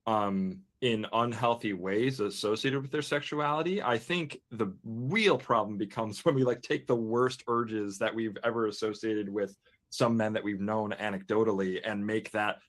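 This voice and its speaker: A man's voice: lowish voice, normal speed, fairly bright tone. A man talking through ideas in a conversational, analytical discussion, thoughtfully searching for precise words. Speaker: discussion panelist.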